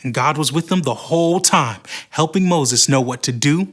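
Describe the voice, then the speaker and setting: A man narrating a Bible story for children in a clear, storytelling delivery. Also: a little high, moderate pace, fairly bright tone.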